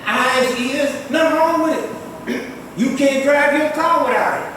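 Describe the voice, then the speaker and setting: An older imam whose first language is not Arabic delivers a Friday sermon in a high, slightly slow voice, preaching emphatically with rising exclamations. He is recorded by a distant microphone in a large mosque prayer hall. The sound is echoey and far away, with a faint rumble.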